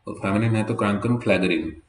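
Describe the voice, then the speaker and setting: A man teaching a German vocabulary lesson in at a whiteboard, slowly spelling out each word letter by letter. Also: fairly low pitch, reverberant, slight background noise. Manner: slow, spells words letter by letter. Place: classroom with whiteboard.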